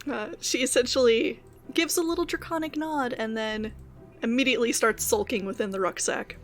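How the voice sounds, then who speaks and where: A woman's voice: fairly high pitch, moderate pace, faint music behind. Playful woman narrating as game master. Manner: descriptive and playful, laughs often.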